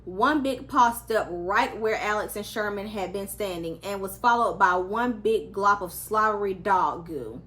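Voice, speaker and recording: A woman's voice: medium pitch, a little slow, hardly any pauses, a bit bright. A woman reading a children's story aloud as a storyteller, acting out the characters' lines expressively.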